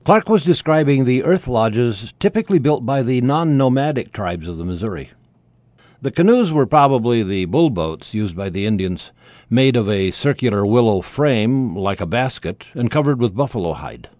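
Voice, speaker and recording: A man's voice: mid-range voice, animated, normal speed, a little mellow, no echo. A man reading scripted documentary narration as the narrator of a history radio series.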